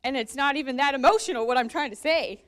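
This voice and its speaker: A woman's voice: sits high, quick pace, a bit bright. A young woman in her twenties giving a wedding toast for her sister, laughing and tearing up as she speaks. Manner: emotional, laughing through tears.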